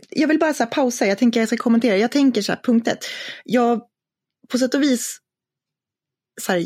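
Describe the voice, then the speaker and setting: A woman's voice: mid-range voice, a little mellow, husky, dry recording, clean studio sound. A woman co-hosting a podcast in casual chat, talking thoughtfully and hesitantly with many fillers. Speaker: podcast co-host.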